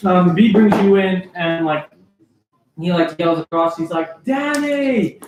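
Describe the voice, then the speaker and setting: A man's voice: a little high, fairly even intonation, a little slow, background noise. Brief: young man running a tabletop game, rambling, echoey room, distant mic. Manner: rambling, full of fillers and laughs. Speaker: game master.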